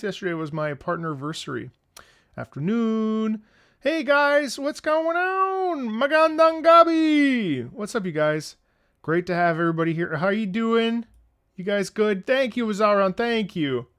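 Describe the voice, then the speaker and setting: A man streaming a game, chatting casually with his viewers in an excitable, rambling way, swearing and greeting people by name. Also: sits high. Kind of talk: casual livestream chat.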